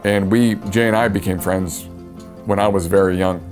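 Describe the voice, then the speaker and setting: A man's voice: low-pitched, steady tone, moderate pace, a little mellow, soft background music. A man reflecting plainly on making his film and his friendship with the producer. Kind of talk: documentary interview.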